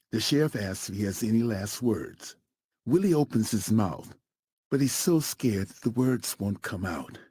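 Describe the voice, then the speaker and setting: A man narrating a true story in a scripted, dramatic storytelling style, slowing down for emphatic pauses. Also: fairly low pitch, darkish tone, breathy edge, dry recording.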